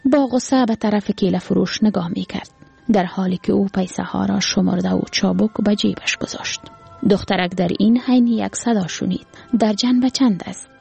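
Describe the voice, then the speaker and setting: A woman with an Afghan Dari accent narrating a story calmly and evenly. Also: mid-range voice, gravelly, husky, soft background music.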